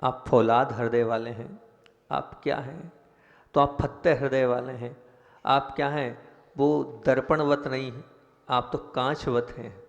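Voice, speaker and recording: A man giving a sermon as a monk, slow and deliberate, putting rhetorical questions to his listeners. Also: mid-range voice, steady tone, vocal fry, in a large hall, lo-fi sound. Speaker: Jain monk preacher.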